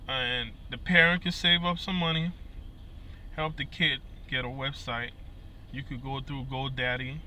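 Sitting in a vehicle with his phone at arm's length, this thirtysomething Liberian musician-vlogger chats casually to camera. The voice is mid-pitched, pushed and bright, and he leans on fillers and repetition while speaking earnestly; a little hiss or hum runs underneath.

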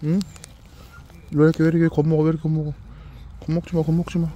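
A man talking gently to two shy country dogs outdoors as he feeds them, with coaxing baby talk and many repeated words. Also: a little high, monotone, quick pace, dull audio, a little hiss or hum. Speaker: vlogger feeding rural dogs. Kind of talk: casual talk to dogs and camera.

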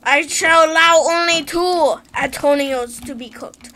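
Boy doing a high, bright, mock-formal bandit with a clumsy fake accent, threatening and pompous, over game chat. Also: measured pace, exaggerated voice. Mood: mock-menacing. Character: gruff foreign bandit-type man, pompous and threatening.

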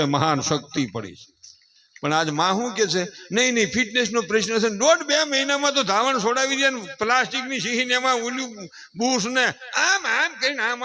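A man's voice: high voice, bright, forceful tone. A middle-aged man giving a folksy moral talk to an audience, playfully acting out family voices and rising into emphatic declamation. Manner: playful, acts out voices of mothers and family members. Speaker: folk speaker addressing an audience.

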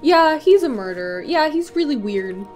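A woman's voice: high-pitched, sing-song, moderate pace, a little mellow, faint music behind. A woman in her twenties giving casual, sarcastic commentary as she plays a game. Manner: wry, sarcastic. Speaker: let's play host.

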